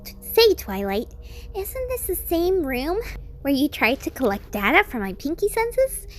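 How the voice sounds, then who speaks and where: A woman voicing a hyper, curious young female pony in a story, bubbly and excitable. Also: high voice, unhurried, faint music behind, voice pushed up.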